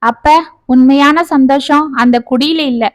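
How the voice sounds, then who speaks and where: Woman doing a stubborn dad who loves his drink, gruff and dismissive, dry close sound, storybook telling. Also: high-pitched, steady tone, unhurried, no echo. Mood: tearful. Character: stubborn middle-aged father, fond of drink.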